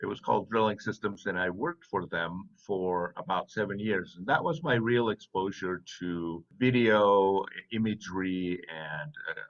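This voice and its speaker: A business owner in his fifties who grew up in Saudi Arabia tells personal stories casually as an interview guest, dropping in conversational asides. He speaks low and measured, with hardly any pauses, over dull lo-fi audio.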